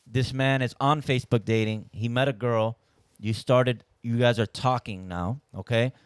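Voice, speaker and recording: A man's voice: mid-range voice, fairly even intonation, normal speed, smooth, no echo, clean studio sound. A man hosting a casual podcast interview, teasing his guest in a playful way. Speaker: podcast host.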